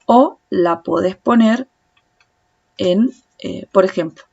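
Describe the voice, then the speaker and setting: A woman with a Rioplatense Spanish accent walks through a language lesson at an unhurried pace, patiently repeating each sound for the viewer. Her voice sits at a middle pitch. The audio is a little dull and lo-fi. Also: gravelly, dark tone. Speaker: Chinese language teacher. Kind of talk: slow step-by-step tutorial explanation.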